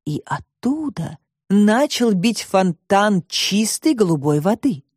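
A woman narrating a children's storybook as an audiobook, with expressive storytelling. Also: mid-range voice, slow, no echo, studio quality. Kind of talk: scripted narration.

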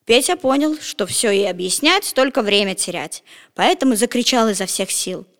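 A woman narrating a children's storybook in an expressive, animated way. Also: on the high side, normal speed. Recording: long echoing reverb.

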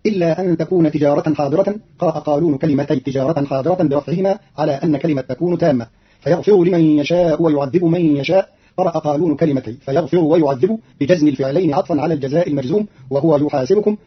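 Brisk man, husky voice, formal scripted explanation, lo-fi old radio recording. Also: on the high side. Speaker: radio announcer. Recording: dull lo-fi archival radio recording.

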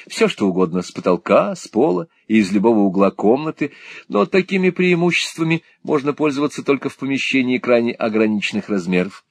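A man's voice: mid-range voice, very animated, fairly quick, no room sound, pitched above the performer's own voice. A man voicing an earnest, naive young playwright who explains things politely with a touch of irony. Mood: explaining.

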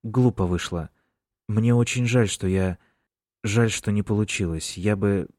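A man voicing a gentle, awkward young man who speaks softly and haltingly. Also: on the low side, no room sound, studio quality. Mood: timid. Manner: soft, hesitant, halting.

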